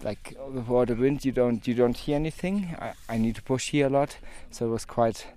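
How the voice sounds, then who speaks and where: Male rider, smooth mid voice, easygoing and chatty. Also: medium pitch, brisk, warm tone, dry recording. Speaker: race rider. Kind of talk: casual chat.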